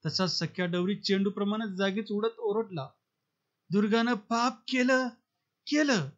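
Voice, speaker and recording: A man reading a novel aloud as a storyteller, with dramatic narration, on a dull lo-fi recording. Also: sits high.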